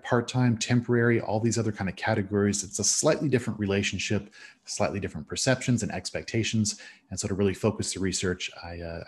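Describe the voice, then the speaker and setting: A middle-aged man presenting an academic defense over slides in a halting, hedging way with frequent filled pauses. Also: on the low side, a little mellow, breathy edge. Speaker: PhD candidate presenting dissertation defense. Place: indoors on a video call.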